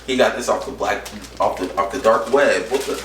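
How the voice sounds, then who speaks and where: A man's voice: lowish voice, moderate pace, a little hiss or hum. A young man in casual, teasing chat with friends, full of slang and swearing. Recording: echoey room, distant mic, loud chatter.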